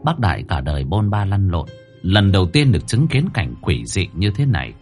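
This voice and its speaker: A man narrating a horror story in a dramatic, highly expressive manner. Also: moderate pace, music in the background. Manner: highly expressive, rising to cries.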